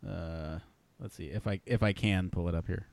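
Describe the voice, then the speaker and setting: A young man co-hosting a podcast in casual chat, animated and rambling with restarts. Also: deep voice, moderate pace, vocal fry, no room sound. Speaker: podcast co-host.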